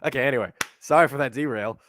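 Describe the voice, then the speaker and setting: A man's voice: mid-range voice, fast, a bit bright, a little hiss or hum. A man co-hosting a podcast, often laughing and cutting in with questions. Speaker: podcast co-host. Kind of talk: casual chat.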